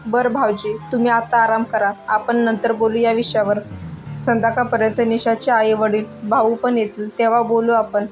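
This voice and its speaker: Woman reading as a calm, soothing sister-in-law. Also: on the high side, normal speed, over music, close to an everyday voice. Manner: plain, steady reading.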